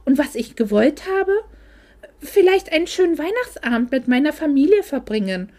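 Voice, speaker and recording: A woman's voice: high voice, very animated, normal speed, a little mellow. A woman voicing a hurt young woman home for Christmas who lashes out at her family with indignant outbursts. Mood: hurt, angry.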